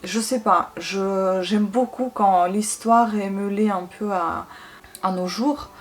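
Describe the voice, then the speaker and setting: A young book vlogger from Ukraine, in the former USSR, whose first language is Russian, chats enthusiastically and directly to her viewers while showing off her books at home in a casual show-and-tell. Her mid-range voice is steady in tone and slow, with faint music behind it.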